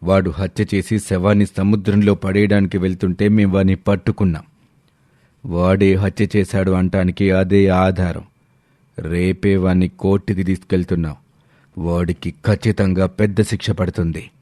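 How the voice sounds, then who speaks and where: Casual one: guy doing a cold greedy villain uncle in a story, lowish dark voice, threatening, dry sound. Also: flat delivery, moderate pace, no echo, natural voice. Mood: menacing. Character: ruthless greedy middle-aged male villain uncle. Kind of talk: storybook voice acting.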